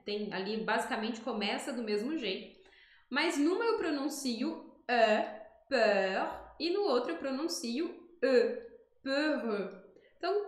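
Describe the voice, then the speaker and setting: A woman from Brazil teaching an online French lesson, her voice sitting a little high. She explains each sound patiently and slowly repeats the words so learners can copy them. The room around her microphone gives a noticeable echo. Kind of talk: online language lesson with screen demonstrations.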